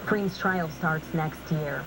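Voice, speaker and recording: A woman's voice: sits low, takes it slowly, background noise. A woman reading scripted news as an anchor, re-recorded from a television in a room.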